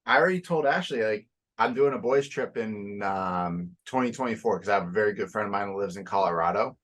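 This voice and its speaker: A man's voice: fairly low pitch, animated, fairly quick, a bit bright. A young man co-hosting a podcast in casual, profane chat, sounding sleepy and yawning now and then. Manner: loose and profane, laughing and yawning. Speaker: podcast co-host.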